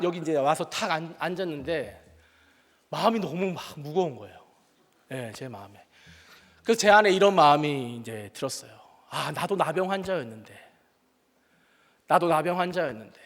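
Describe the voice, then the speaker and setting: High-voiced pastor preaching in a reverberant hall. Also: male voice. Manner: earnest storytelling, swings from loud exclaiming to quiet confession. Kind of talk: sermon. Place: church sanctuary. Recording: long reverb of a church hall.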